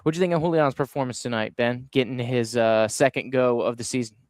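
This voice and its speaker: A man hosts a casual soccer recap, narrating each goal clip with upbeat play-by-play energy. His voice is smooth and clear. The recording is dry and close, with no room sound. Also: medium pitch, steady tone, quick pace, dry recording. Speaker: podcast host. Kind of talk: casual sports recap chat.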